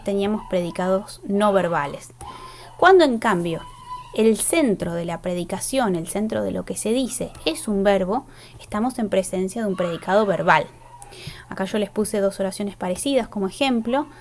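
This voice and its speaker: A woman's voice: medium pitch, slight background noise. Patient woman teaching a grammar lesson. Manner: patient, explains step by step, rhetorical checks with students. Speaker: language teacher.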